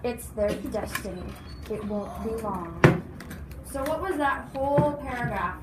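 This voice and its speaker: In a slightly high, animated voice, a woman takes her time reading a storybook expressively, breaking off for explanations and questions. A far-off mic picks her up in an echoey, noisy space.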